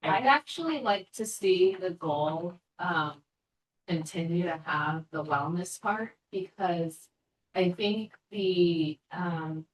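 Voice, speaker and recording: A woman board member making an earnest proposal, pausing with fillers as she thinks. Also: fairly low pitch. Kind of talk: board meeting discussion. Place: board meeting room. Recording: echoey room, distant mic.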